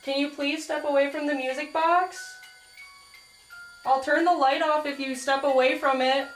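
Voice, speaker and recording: A young American woman on a ghost hunt, nervous and slangy, talking softly to spirits in a dark old prison. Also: high voice, steady tone, normal speed, roomy sound, far from the mic, faint music behind. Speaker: paranormal investigator. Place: dark echoing old prison cell block.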